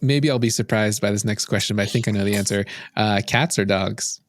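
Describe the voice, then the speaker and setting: A man hosting a podcast, asking light questions in a relaxed, teasing way. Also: fairly low pitch, fairly quick. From United States. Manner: easygoing, teasing. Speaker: podcast host. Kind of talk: casual interview chat.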